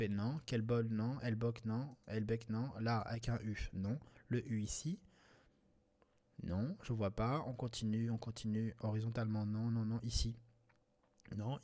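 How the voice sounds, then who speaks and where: A man thinking aloud as he plays Scrabble, quietly muttering through possible words and breaking into sudden excited outbursts when he finds a good one. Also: medium pitch. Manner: mutters word tries half to himself, with sudden excited outbursts. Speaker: Scrabble player commenting on his game. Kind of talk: thinking aloud while playing.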